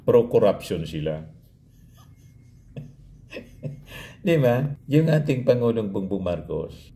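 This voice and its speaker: A man's voice: low voice, warm tone. A man from Albay with a Bicolano accent, giving mocking political commentary as a vlogger and broadcast journalist, chuckling between remarks. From Albay, Philippines.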